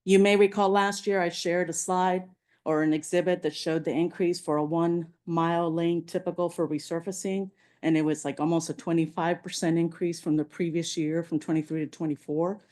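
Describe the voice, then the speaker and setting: A woman gives a slide presentation at a public meeting. Her voice sits fairly low and has a warm, mellow, relaxed tone. She moves through the material steadily, with frequent "um"s and small restarts. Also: moderate pace. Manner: walks through slides with many fillers. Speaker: transportation agency presenter.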